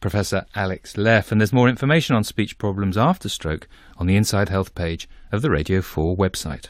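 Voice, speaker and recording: A man presenting a radio health show, putting questions to guests and introducing items briskly. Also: fairly low pitch, dry recording, clean studio sound.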